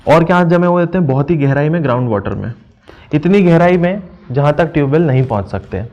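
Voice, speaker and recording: With dull audio, a man whose voice is on the high side, expressive and a little mellow, teaches an exam-prep class. He steps through the answers, asks and answers his own questions, and reads phrases slowly before translating.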